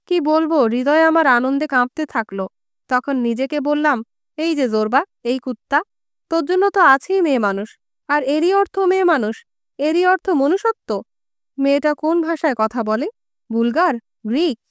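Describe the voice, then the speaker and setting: A woman's voice: high voice, dry recording, clean studio sound, natural voice. A woman voicing a coarse, brooding old Greek man who speaks in crude colloquial talk full of curses, in an audiobook reading.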